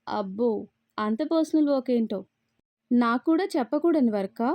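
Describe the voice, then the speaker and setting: A woman voicing a teasing, excitable young man in a storybook reading. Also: a little high, normal speed, dry recording, highs cut off, natural voice. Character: young man Aditya, teasing, loud-reacting friend. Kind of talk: storybook read-aloud.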